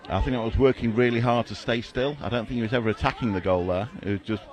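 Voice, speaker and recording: A man's voice: mid-range voice, fast talker, some chatter behind. An English man giving live color commentary on a match, chatty with dry, self-mocking humor. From England.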